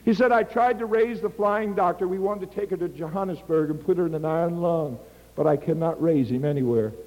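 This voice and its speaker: A man's voice: on the high side, brisk, big-room sound, highs cut off. An older man, a missionary preacher, telling stories in a sermon and acting out the dialogue with animation. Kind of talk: sermon with personal storytelling.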